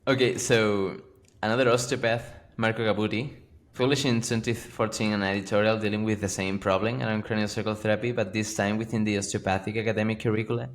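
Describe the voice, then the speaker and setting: A man's voice: fairly low pitch, little pitch movement, fast. A man co-hosting a podcast as a physiotherapist, earnestly walking through sources with frequent restarts. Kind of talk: conversational podcast discussion.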